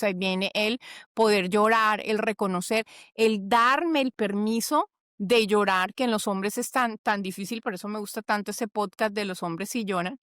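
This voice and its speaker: A woman's voice: a little high, fairly bright tone, no room sound, clean studio sound. A woman psychologist, explaining in a conversational interview and acting out the voices of people she quotes. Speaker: psychologist guest.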